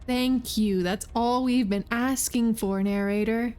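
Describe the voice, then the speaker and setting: A woman's voice: a little high, steady tone, measured pace, a little mellow, faint music behind. A woman giving casual live commentary as she streams a game.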